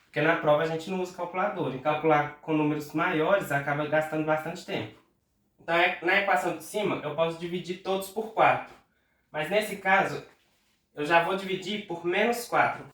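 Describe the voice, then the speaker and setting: A math tutor with a Brazilian Portuguese accent, nasal and stuffed up from a cold, patiently works through an exam math problem step by step, saying the arithmetic aloud slowly. His voice is a little high and fairly bright, and he sounds far from the mic in a roomy space.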